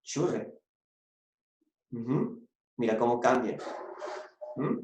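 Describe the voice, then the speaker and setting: A male secondary school teacher with a coastal Peruvian Spanish accent gives a recorded lesson at an unhurried, deliberate pace. He walks through each point, repeating key phrases and checking in with short questions. The room around him sounds roomy and echoey. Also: mid-range voice, lively intonation, a little mellow, a little hiss or hum. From Peru. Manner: explains step by step, repeats key phrases, adds "¿no?" and "¿ya?".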